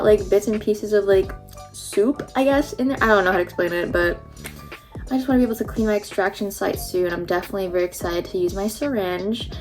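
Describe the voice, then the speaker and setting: A young woman with a slight lisp from a numb mouth after wisdom teeth surgery, chatting informally in a casual personal vlog. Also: mid-range voice.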